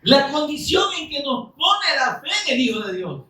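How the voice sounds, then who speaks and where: A man preaching a sermon in an animated way, swinging between loud calls and soft asides and acting out complaints. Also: very high voice, moderate pace, echoey room, distant mic, rough recording.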